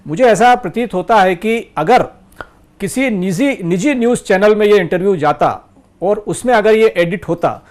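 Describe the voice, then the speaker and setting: A man's voice: high voice, moderate pace, darkish tone. A man hosting a studio news discussion, who listens attentively and sums up his guest's points before putting his next question.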